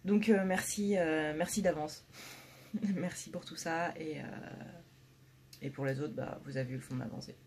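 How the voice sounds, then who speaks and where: Her voice low and darkish at a moderate pace, a tarot reader talks casually through a reading for her channel, full of fillers and restarts. She is blunt in manner, and there's a little hiss or hum.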